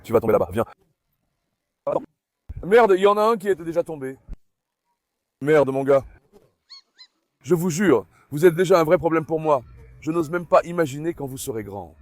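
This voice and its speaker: A man vlogging outdoors in a garden, calling and coaxing his puppies in a lively, animated way and talking to his viewers. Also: a little high, normal speed, pauses often, no room sound. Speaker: dog breeder vlogger. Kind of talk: casual vlog talk to puppies and viewers.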